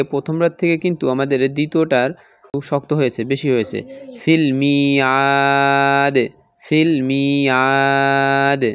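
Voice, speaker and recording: A man's voice: mid-range voice, a little mellow. A man teaching Quran recitation rules, explaining step by step and repeating every example several times. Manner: slow, patient, repeats each example. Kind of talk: tajweed lesson.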